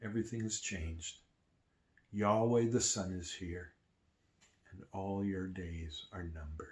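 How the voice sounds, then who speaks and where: A man preaching a sermon to his church, shifting between emphatic lines and hushed ones. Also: low voice, steady tone, slow. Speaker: pastor.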